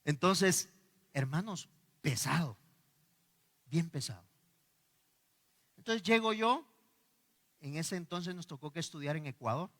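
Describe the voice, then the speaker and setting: A middle-aged pastor with a Guatemalan accent, preaching and spinning stories from his own life. His voice is bright and forceful and sits slightly high for a man. The sound carries a long reverb from a church hall. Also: a little slow, pauses often. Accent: Guatemalan Spanish. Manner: animated storyteller acting out dialogue, laughing. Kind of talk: sermon with personal storytelling.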